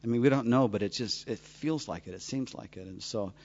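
A man pastor introducing the next speaker in a relaxed, rambling way. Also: medium pitch, a little fast. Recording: dull lo-fi sound.

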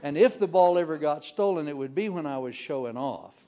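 Folksy older preacher telling jokes. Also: male voice, on the high side, fairly quick. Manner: folksy, animated, self-deprecating. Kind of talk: sermon with humorous storytelling. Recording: muffled lo-fi recording.

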